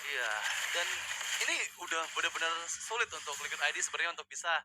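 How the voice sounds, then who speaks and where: A man with an Indonesian accent shoutcasting a video game match as play-by-play commentator, in an urgent fighting game announcer style. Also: fairly high pitch, quick pace, slightly rough. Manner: excited, urgent calling of kills.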